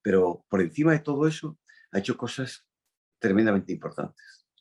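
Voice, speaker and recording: A man from Spain hosting an interview, speaking emphatically with drawn-out phrases and falling endings. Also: on the low side, expressive, a little mellow, slightly rough. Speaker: host.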